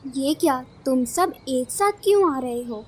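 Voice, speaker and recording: A woman's voice: high-pitched, animated, unhurried, slight background noise. A woman voicing a hungry male eagle villain in a cartoon, gloating and threatening. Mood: startled.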